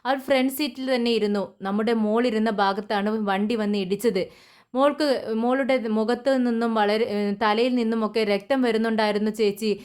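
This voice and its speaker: Woman reading a shaken mother after a crash; halting, tearful, slightly high voice. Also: steady tone, darkish tone, smooth, lightly acted. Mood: distraught. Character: distraught young mother after a car crash.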